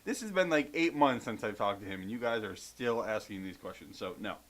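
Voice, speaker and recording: A man's voice: on the low side, expressive, brisk, fairly bright tone. Casual man reading viewer questions. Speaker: podcast co-host. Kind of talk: casual Q&A chat.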